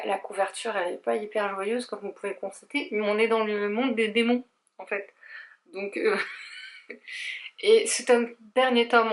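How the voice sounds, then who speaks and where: A woman's voice: medium pitch, a bit bright. Chatty, rambling woman vlogging at home. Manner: rambling, self-deprecating, many hesitations. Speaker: book blogger. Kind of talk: casual book haul vlog. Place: home room.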